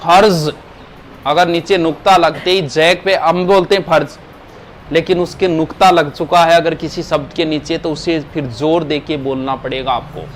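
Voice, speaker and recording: A man's voice: on the high side, fairly even intonation, normal speed, a little hiss or hum. A male teacher, giving a grammar lesson to a class, asking questions and stressing words.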